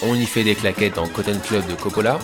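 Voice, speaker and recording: A man's voice: fairly low pitch, fairly quick. A man hosting a film analysis show, narrating a scripted video essay in an informal way that addresses viewers directly. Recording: voice-over with music behind.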